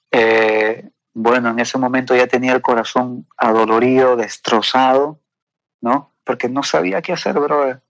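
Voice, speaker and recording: A man telling an emotional personal testimony in a halting, earnest way, with many fillers and tag questions. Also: medium pitch, gravelly, dry recording, muffled recording. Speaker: guest sharing a personal testimony.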